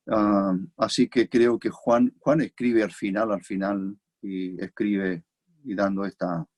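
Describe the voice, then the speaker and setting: Chilean male preacher, husky voice, reflective expository sermon, repeats phrases for weight. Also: fairly low pitch, darkish tone. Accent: Chilean Spanish.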